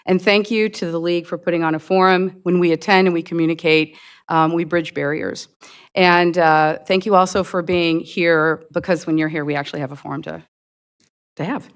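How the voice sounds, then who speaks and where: An older woman from Indiana giving a campaign statement at a public forum, earnest and halting, with fillers and restarts. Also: lowish voice, fairly even intonation, smooth. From Indiana, USA. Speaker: county board candidate.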